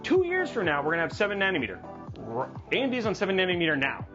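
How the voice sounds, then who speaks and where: A man hosting a livestreamed tech news show, animated and jokey, with dramatic asides. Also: high-pitched, rapid-fire, lo-fi sound. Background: music playing under the voice.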